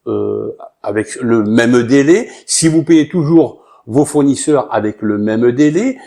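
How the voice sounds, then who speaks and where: A man's voice: mid-range voice, animated, measured pace, vocal fry, mellow. A man teaching business finance in a hesitant way, with many filler sounds. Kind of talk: explanatory lesson with a short acted opening.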